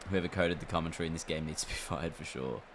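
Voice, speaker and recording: Low-voiced man streaming a game. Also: quick pace. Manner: chatty, reacts aloud to the game and answers chat. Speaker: gaming streamer. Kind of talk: casual livestream chat while playing. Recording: clear background noise.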